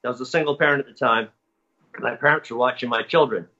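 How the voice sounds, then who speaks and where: A man recounts his experiences as a guest in a casual interview, telling a long story that rambles and corrects itself. His voice is medium-pitched, fast, bright, and forceful. The recording has dull lo-fi audio.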